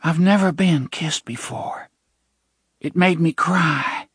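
A man's voice: on the high side, takes it slowly, fairly bright tone, slightly rough, no room sound, clean studio sound, voice pushed up, exaggerated voice. A man voicing a tearful yet defiant young woman who speaks in old-fashioned phrasing.

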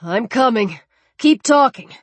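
A woman's voice: mid-range voice, unhurried, slightly rough, no echo. A woman narrator voicing a determined man calling out short, urgent commands during a rescue. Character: determined grown man crawling across ice.

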